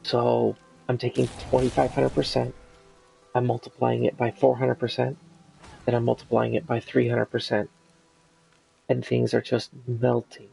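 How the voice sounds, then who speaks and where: A man giving casual gameplay commentary, explaining things in a halting way. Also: mid-range voice, completely flat delivery, creaky, warm tone, husky, soft background music, low-quality recording. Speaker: gamer commentating on own play.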